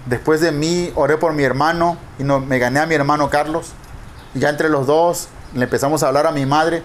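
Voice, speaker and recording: A middle-aged male pastor preaching a sermon, emphatic and drawing out key words slowly. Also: on the high side, fairly even intonation, a little hiss or hum.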